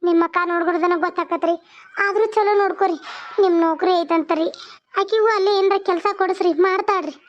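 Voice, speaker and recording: Woman doing village ladies in a homemade cartoon, north karnataka accent, super high voice, muffled lo-fi sound. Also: fairly even intonation, slight background noise. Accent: North Karnataka Kannada. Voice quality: high, quick dialect chatter with frequent polite "ri" endings. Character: village women, a bride and her kin. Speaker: voice of the women in a village family cartoon. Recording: muffled lo-fi recording.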